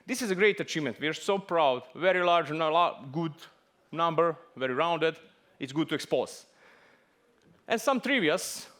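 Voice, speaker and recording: A middle-aged man from Serbia with a Serbian accent, giving a lively, joking conference talk in English as a second language. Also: on the high side, normal speed. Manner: lively, joking, non-native English phrasing. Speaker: conference speaker.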